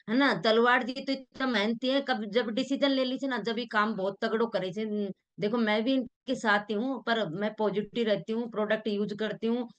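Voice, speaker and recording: Woman, middle-aged, motivational talk, earnest, homespun, fairly high voice. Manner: earnest, homespun, mixes Hindi with local dialect. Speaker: motivational speaker.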